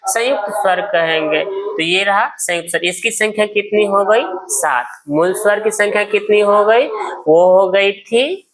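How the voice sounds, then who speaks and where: A man's voice: high-pitched, unhurried, background noise. A male teacher giving a grammar lesson, asking questions and answering them himself, and drawing out vowel sounds as examples.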